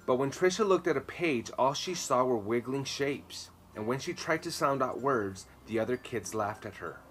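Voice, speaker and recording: Seated on an outdoor garden patio, a man in his thirties reads a children's story aloud with emphatic, dramatic phrasing. His mid-range voice is a bit bright, with lively intonation and a moderate pace. Ambient noise is clearly audible behind him.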